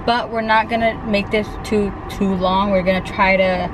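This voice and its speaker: At a moderate pace and medium pitch, with fairly even intonation, this vlogger co-host from California rambles through a story for a couple's vlog, restarting often and saying "like" a lot. Outdoor traffic noise fills the background.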